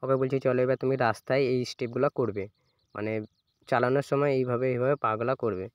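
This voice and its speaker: A man's voice: medium pitch, steady tone, quick pace, clean tone, dry recording, lo-fi sound. A man telling a casual vlog story, quoting both sides of a conversation. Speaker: fitness vlogger.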